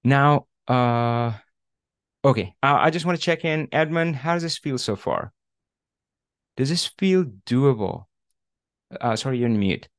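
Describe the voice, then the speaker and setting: A man runs an online coaching session in a loose, casual way, leaning on fillers and checking in with "right?" as he goes. His voice sits at an ordinary middle pitch. The sound is dry and close, with no room echo. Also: expressive, measured pace, long pauses. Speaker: career coach. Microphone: video call.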